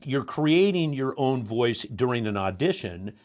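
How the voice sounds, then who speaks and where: A man's voice: mid-range voice, measured pace. A middle-aged man, a voice actor, telling stories in an interview and acting out lines in put-on voices. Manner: animated, acts out quotes in put-on voices, laughs often. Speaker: voice actor guest. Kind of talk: relaxed interview storytelling.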